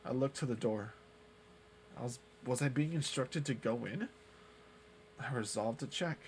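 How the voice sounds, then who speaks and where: Reading a creepy visual novel's narration aloud with flair, this live-streamer takes an unhurried pace in his mid-range voice and swears casually between lines. The game's music runs underneath, with a faint hiss or hum.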